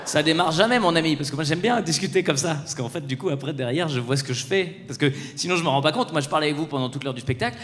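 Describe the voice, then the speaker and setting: A man doing casual stand-up, chatting and swearing with a live audience and slipping into quick impressions. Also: fairly high pitch, fairly bright tone. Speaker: stand-up comedian. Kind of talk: live stand-up crowd work. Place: theatre stage. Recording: roomy hall sound, faint crowd ambience.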